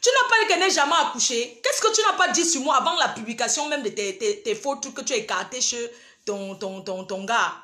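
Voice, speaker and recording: A woman's voice: on the high side, lively intonation, fairly quick, bright, forceful tone, echoey room. Fiery woman ranting on a livestream. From Cameroon. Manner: confrontational, scolding, addresses rivals directly. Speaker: livestream host. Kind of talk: heated livestream rant.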